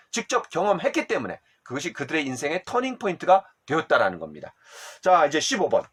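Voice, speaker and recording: A middle-aged man, a pastor, teaching a church discipleship class in an animated way, often asking the listeners questions. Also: on the high side.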